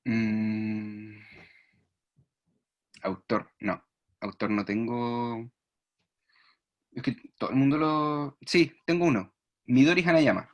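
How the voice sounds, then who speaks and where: A man's voice: mid-range voice, slow, long pauses. A man giving an online speech therapy lecture, explaining patiently, demonstrating sounds and checking "¿ya?" often. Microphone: video call.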